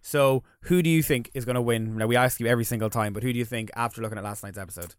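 Fast-talking man, podcast host. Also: mid-range voice, steady tone, clear, resonant tone, no room sound. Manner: chatty, quick. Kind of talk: casual chat.

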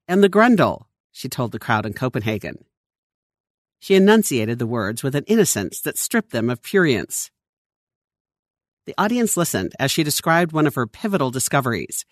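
A narrator giving an expressive scripted reading of a long-form news feature article. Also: mid-range voice, no room sound, studio quality.

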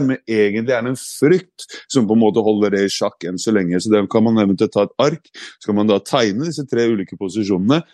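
A man's voice: on the low side, a little mellow, no echo, clean studio sound. A man co-hosting a podcast, telling a personal story with energy and acting out the voices in his head. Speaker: podcast co-host. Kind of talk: casual podcast chat.

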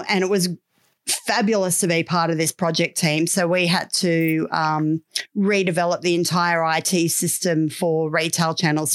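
A middle-aged Australian woman telling stories in a casual interview, with a candid, wry, colloquial manner. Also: deep voice. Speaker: podcast guest, business owner.

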